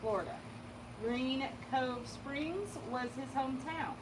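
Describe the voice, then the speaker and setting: A woman's voice: high voice, takes it slowly, rough recording. A woman co-hosting a casual livestream, reading out viewer names and messages and teasing her partner. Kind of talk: casual chat.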